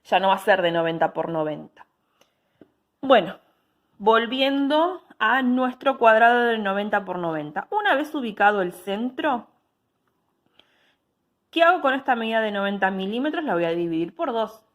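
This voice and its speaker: A woman's voice: fairly high pitch, lively intonation, normal speed. A woman, giving a patient step-by-step technical drawing lesson and checking in with her students after each step.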